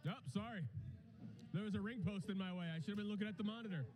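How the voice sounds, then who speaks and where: A man doing live play-by-play commentary on a wrestling match over loud music. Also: sits high, fast, a crowd in the background.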